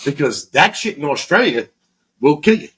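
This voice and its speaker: A man from Florida talks in loose, meandering casual chat as a podcast co-host, peppering every thought with swearing and false starts. His voice sits a little higher than most men's. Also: very animated, moderate pace, a bit bright, low-quality recording. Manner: rambling and heavily profane, with many restarts.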